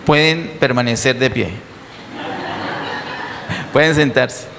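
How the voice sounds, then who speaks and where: A man's voice: mid-range voice, takes it slowly, vocal fry, background noise. Emphatic preacher man in a reverberant church. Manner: emphatic, asks the congregation rhetorical questions. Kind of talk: sermon. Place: church hall. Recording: distant sound with long hall reverb.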